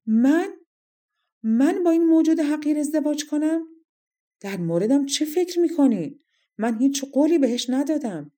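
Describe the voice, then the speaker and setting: A woman voicing a young king who shouts his refusals in loud, outraged protest. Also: sits high, animated, pitched above the performer's own voice.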